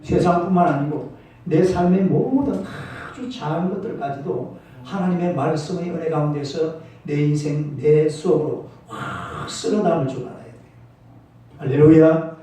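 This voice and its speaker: A man's voice: a little high, lively intonation, moderate pace, dark tone, slight background noise. Emphatic preacher man in an echoey sanctuary. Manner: emphatic, prompting congregation responses. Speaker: pastor. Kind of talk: sermon. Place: church sanctuary. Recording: echoey church hall from far off.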